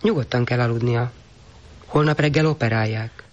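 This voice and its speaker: A man voicing a brisk, matter-of-fact female night nurse in a story reading, on a muffled lo-fi recording with hiss. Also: mid-range voice, natural voice.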